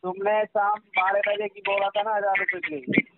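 On a noisy, tinny phone line full of clicks, a man argues casually, pressuring the other party with insistent repetition. His voice is high and his tone steady, at a normal speed.

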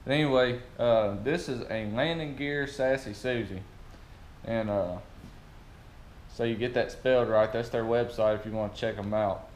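A man's voice: mid-range voice, fairly even intonation, normal speed. Southern man in an echoey workshop. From southern United States. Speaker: reviewer. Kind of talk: casual product review to camera. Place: large metal-roofed workshop or garage, indoors. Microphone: camera at about arm's length or farther. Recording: echoey metal-roofed room with noise.

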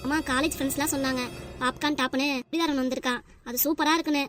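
A woman's voice: high-pitched, steady tone, rapid-fire, fairly bright tone, faint music behind. A woman voicing an insistent college-age daughter in a cartoon family comedy. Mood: pleading. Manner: whiny, insistent.

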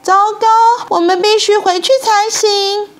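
Woman reader doing a cheerful, fearless little girl for a storybook; high, bouncy, airy tone. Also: sing-song, extremely slow, exaggerated voice. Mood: alarmed.

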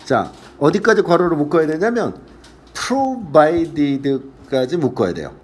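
A man teaching English to a class in a casual lecture, reading lines aloud slowly and translating them, blunt and crude, swearing and joking with his students. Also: fairly high pitch, very animated.

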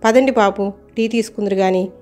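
A woman's voice: mid-range voice, fairly even intonation, fairly quick, dark tone, soft background music, close to an everyday voice. A woman voicing an earnest older father, fond and worried about his son, in a storybook reading.

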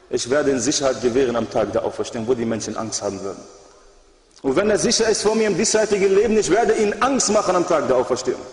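Impassioned male preacher, driven by rhetorical questions, with a long hall reverb. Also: a little high. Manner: impassioned, rhetorical questions, Arabic phrases woven in. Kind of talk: sermon.

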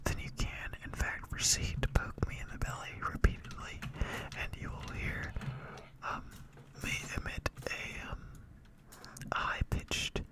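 Someone commentates a livestream in a breathy, ASMR-style whisper, playing the part of a deadpan mock announcer. The pace is a little slow.

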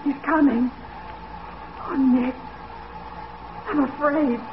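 An actress playing an eager, anxious American detective's assistant in an old-time radio drama, questioning and easily alarmed. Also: female voice, high voice, fairly even intonation, slow pace, background noise. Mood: anxious, afraid. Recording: tinny, narrow-band old radio recording.

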